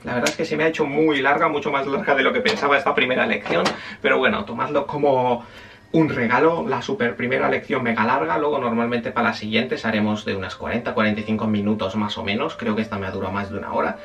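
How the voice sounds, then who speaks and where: A man's voice: medium pitch, fairly even intonation, fast talker, creaky, a bit bright, recorded from a distance, lo-fi sound, slight background noise. A man teaching a casual spoken language lesson, chatty and self-correcting, often checking in with his listeners.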